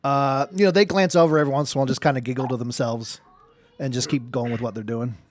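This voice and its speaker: A man's voice: medium pitch, steady tone, fast talker, darkish tone. A man running a tabletop game as game master, narrating casually in informal, slangy language.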